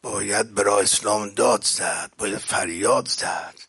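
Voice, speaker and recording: A man preaching an impassioned religious sermon. He recites Arabic passages, paraphrases each one, and often swells into loud declamation. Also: on the low side, gravelly, husky.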